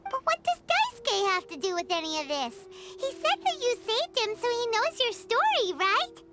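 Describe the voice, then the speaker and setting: A woman voicing Paimon, a tiny, chirpy, fairy-like girl companion in a video game, squeaky and bouncy. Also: sing-song, normal speed, over loud music. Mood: puzzled.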